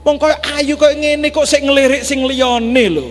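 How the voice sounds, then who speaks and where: A man's voice: very high-pitched, steady tone, a little slow, pitched above the performer's own voice. A man with an East Javanese accent voicing an indignant young veiled wife who pleads and complains insistently, in an echoey mosque hall. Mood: proud.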